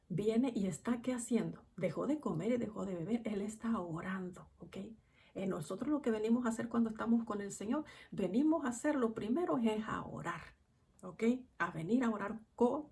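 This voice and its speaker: With a medium-pitched voice, a woman preaches and reads Bible passages, swinging from loud to hushed, repeating phrases, and pressing each point emphatically.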